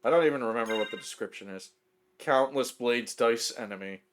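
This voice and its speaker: A man's voice: medium pitch, a little fast, a little hiss or hum. A man playing a game on stream, chatting in a laid-back, drily amused way. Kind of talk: casual gaming chat. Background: game music.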